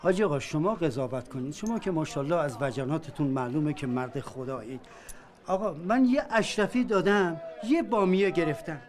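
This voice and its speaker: A man plays an indignant market customer who keeps insisting he was shortchanged. His voice sits high and his tone stays accusing throughout this period film. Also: expressive, lightly acted. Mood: pleading.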